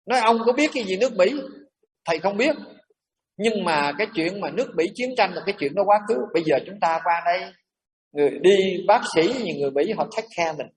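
A man preaching as a Buddhist monk, emphatic and animated, dropping in English and French terms. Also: sits high, a little fast, distant mic. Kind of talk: sermon to a congregation.

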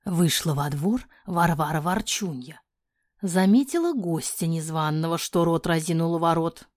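A woman narrating a fairy-tale audiobook in an expressive voice that often drops to a breathy near-whisper. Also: sits low, normal speed, no echo, clean studio sound.

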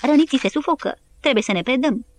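A woman's voice: high voice, expressive, slight background noise, pitched above the performer's own voice. A woman voicing a desperate young male lieutenant calling urgent commands in an audiobook.

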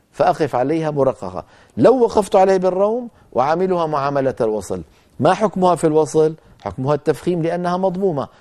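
A man teaching a tajweed lesson, explaining rules step by step and slowly chanting recited examples. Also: fairly high pitch, mellow.

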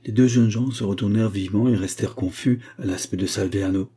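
Brief: male audiobook narrator, measured and even, mellow husky tone. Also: fairly low pitch. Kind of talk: audiobook reading.

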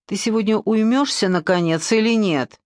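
A woman's voice: mid-range voice, moderate pace, a little mellow, no echo, studio quality, voice pushed up, natural voice. A woman voicing a bold, sarcastic young woman in an audiobook. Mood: defiant mocking. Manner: defiant, sarcastic.

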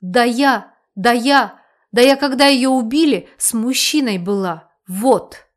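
A woman voicing a hot-tempered, defensive village shopkeeper who shouts back indignantly in an audiobook reading. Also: a little high, measured pace, natural voice. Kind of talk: audiobook character voice.

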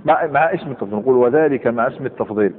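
A man's voice: mid-range voice, a little hiss or hum. Guy teaching grammar to a class, keeps asking if they got it, sounds thin like over a phone. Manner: explains then quizzes students, repeats examples slowly. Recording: phone-like sound in a reverberant hall.

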